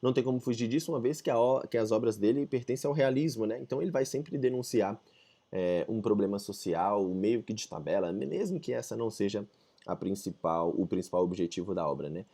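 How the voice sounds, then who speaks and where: A young Brazilian man teaching literature in a relaxed, chatty way, with a lowish, warm and mellow voice. He talks to students like a friend, full of slang and the odd English phrase. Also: brisk. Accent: Brazilian Portuguese. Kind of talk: casual video lesson.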